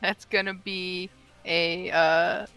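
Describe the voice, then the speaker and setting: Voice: medium pitch, little pitch movement, slow pace, bright, forceful tone, soft background music. A player in a tabletop game, upbeat and eager as they call out rolls and moves.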